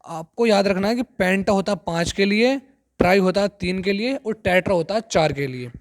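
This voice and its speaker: A man teaching a chemistry lesson, explaining step by step, repeating key terms and reading English textbook lines slowly. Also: high voice. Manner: addresses viewers as friends. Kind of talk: classroom lecture.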